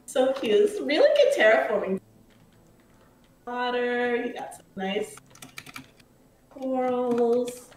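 Gushing high-voiced woman, slow-talking. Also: expressive, a little mellow. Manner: gushing, giggly and enthusiastic. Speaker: co-host reacting to game builds. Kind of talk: casual gaming chat. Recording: echoey room.

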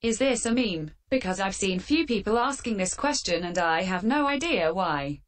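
A woman hosting a channel answers fan questions in a scripted comedic Q&A, giving sarcastic, deadpan replies. Her medium-pitched voice, at moderate pace, is run through a metallic filter.

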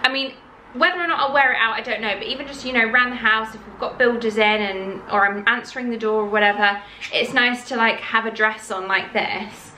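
This lifestyle vlogger talks briskly about her shopping haul, her fairly high voice pushed and bright with fairly even intonation. She holds the camera at arm's length, chatting upbeat and rambling in a parked car and then a bedroom at home. The audio is poor, with a little hiss or hum.

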